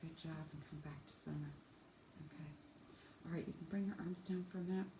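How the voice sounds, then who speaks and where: In an echoey room with a little background noise, a woman teacher with a deep, brisk voice and fairly even intonation talks children through yoga stretches. She demonstrates as she goes, giving simple, encouraging instructions one step at a time.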